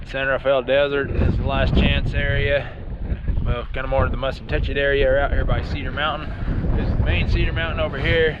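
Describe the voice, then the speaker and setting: A man's voice: medium pitch, level tone, fairly quick. A man narrates a casual outdoor adventure vlog in a folksy, enthusiastic way. Strong wind noise runs behind his voice, and the sound is somewhat dull and lo-fi. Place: outdoors in windy open desert. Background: blowing wind.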